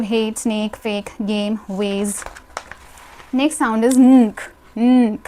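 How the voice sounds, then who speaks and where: Female teacher, phonics explainer, a bit high-pitched, drawn-out word lists. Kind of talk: phonics lesson for parents.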